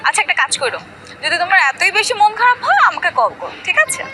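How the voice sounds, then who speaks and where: A woman's voice: very high voice, huge pitch swings, exaggerated voice, poor audio. An actress playing a teasing young woman, a girlfriend and daughter, over background music. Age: young adult. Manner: teasing, quick. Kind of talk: comic drama acting. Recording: dialogue over loud music and crowd.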